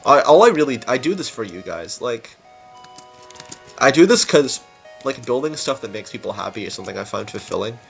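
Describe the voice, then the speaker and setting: With a medium-pitched, creaky voice full of big pitch swings, a man speaks fairly quickly, rambling informally about a game level he built. Game music sits behind the dull-sounding recording of this unscripted commentary.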